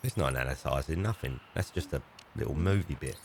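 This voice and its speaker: Low-voiced guy, playful gamer banter, half-awake drawl. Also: animated, brisk, slight background noise. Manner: joking, teasing, drowsy. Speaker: let's play co-host. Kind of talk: casual gameplay chat. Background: game music.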